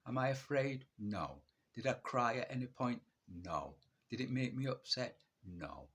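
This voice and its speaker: A man's voice: mid-range voice, animated, measured pace, a bit bright, breathy edge. A man in his early sixties talking straight to the camera in a blunt, defiant monologue, asking himself questions and answering them at once. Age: 60s. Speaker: vlogger sharing his illness.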